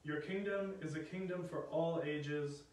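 A man serving as lector, reading scripture and the psalm in a measured, solemn way in a large church with cathedral echo. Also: fairly high pitch, darkish tone. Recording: echoey cathedral from far off.

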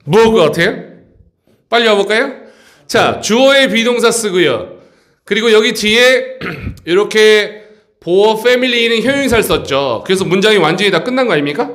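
Lively Korean English tutor, high voice. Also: male voice, moderate pace. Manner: lively, keeps checking in with the students. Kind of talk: exam-prep grammar lecture.

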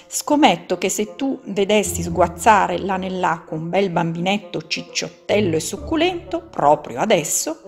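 A woman voicing a huge, greedy, boastful male crocodile in a storybook reading, gloating and bragging, with soft music behind. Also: fairly low pitch, sing-song, measured pace, gravelly, few pauses, heavily acted.

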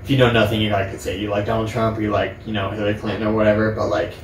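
A man's voice: on the low side, flat delivery, very fast. A man chatting casually with friends, giving his opinions in a conversational way. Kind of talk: casual group chat. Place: living room, on a couch. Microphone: distant camera microphone. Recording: echoey room, distant mic, faint noise.

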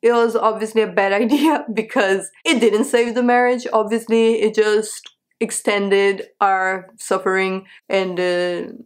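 A woman's voice: mid-range voice, fairly even intonation, measured pace. A young woman from Brazil, talking candidly to camera in a small bedroom, with frequent rhetorical questions. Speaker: vlogger. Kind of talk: casual talk to camera. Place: small bedroom with a sofa, indoors.

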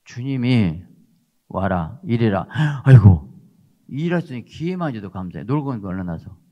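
A man's voice: medium pitch, big pitch swings, quick pace, mellow. An older man, a pastor, preaching a sermon in an emphatic way and often tagging his points with a questioning "huh?". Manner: emphatic, repeats rhetorical "어?" tags. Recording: dull lo-fi sound.

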